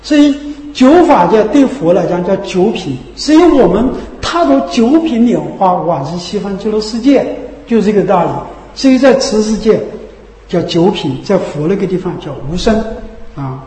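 A man giving a Buddhist sermon, often asking rhetorical tag questions and dropping low and soft on them. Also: animated, normal speed. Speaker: Buddhist teacher. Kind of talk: Dharma sermon. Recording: echoey hall with long reverb.

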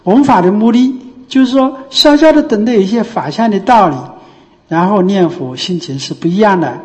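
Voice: mid-range voice, expressive, moderate pace, a little mellow. Buddhist teacher, in a reverberant hall. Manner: explains step by step, with frequent rhetorical questions. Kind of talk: dharma talk.

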